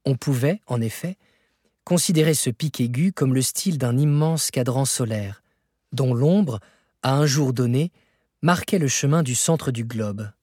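Reading a novel aloud, this male audiobook narrator is expressive yet measured, rising in pitch when the drama builds. There's a breathy edge to him, captured in a dry, clean studio recording.

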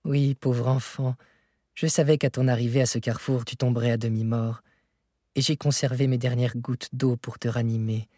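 A man's voice: medium pitch, moderate pace, a little mellow, no echo, studio quality, natural voice. A man voicing a fierce, obstinate old professor explorer who turns from tender murmuring to hard, menacing insistence.

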